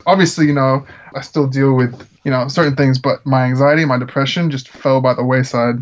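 A musician who grew up in the Czech Republic appears as a guest in a casual interview, talking earnestly and rambling with lots of fillers. His mid-range voice is steady and brisk, and the recording sounds muffled.

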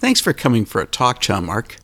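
A man hosting a music talk show, giving scripted introductions and asking interview questions in a measured presenter's manner. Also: medium pitch, wildly swooping pitch, a bit bright, dry recording, studio quality. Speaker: radio show host.

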